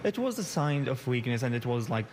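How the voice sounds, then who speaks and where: A young man answers interview questions in his bakery kitchen. He speaks haltingly, with many "uh"s and restarts. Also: medium pitch, big pitch swings, darkish tone, a little hiss or hum. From Yemen, raised in Saudi Arabia. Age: 20s. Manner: hesitant, halting, with frequent "uh" and restarts. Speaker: bakery founder, guest.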